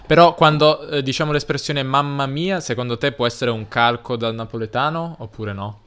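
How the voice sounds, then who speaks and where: A man's voice: mid-range voice, moderate pace, fairly bright tone, smooth. A man acting as interviewer in casual conversation, inquisitive and asking for clarification.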